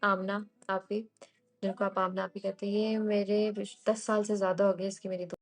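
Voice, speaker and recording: A young woman telling stories casually on a live stream, switching freely between Hindi-Urdu and English, emotional and animated. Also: medium pitch, moderate pace.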